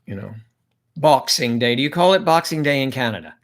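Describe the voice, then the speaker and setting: This livestream host is a man with an easy, medium-pitched voice, animated and a little fast. He wanders between subjects, reading viewers' comments out to his guests, over a faint hiss or hum.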